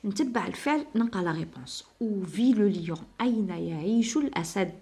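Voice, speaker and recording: A woman teacher with an Algerian Arabic accent, explaining a French exam to pupils, switching between Arabic and French and slowly dictating French sentences. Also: mid-range voice, lively intonation, warm tone, slightly rough. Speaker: primary school teacher.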